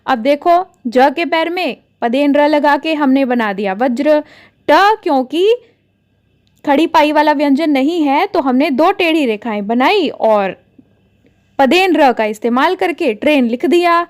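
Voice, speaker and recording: A woman with a high, light voice gives a Hindi spelling lesson to children. She explains step by step, patiently, and often turns to speak to the kids directly. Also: animated, measured pace. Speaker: Hindi teacher.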